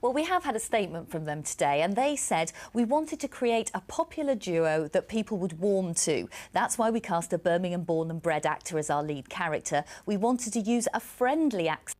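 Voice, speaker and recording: A woman's voice: fairly low pitch, lively intonation, normal speed, few pauses, a little mellow. A woman reporter in the studio explaining a story thoughtfully to the presenter. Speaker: news reporter. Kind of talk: live studio debrief.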